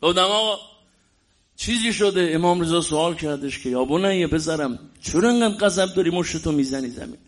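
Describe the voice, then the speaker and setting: A man preaching a religious sermon in an emphatic way, often rising into loud exclamations. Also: on the high side, expressive.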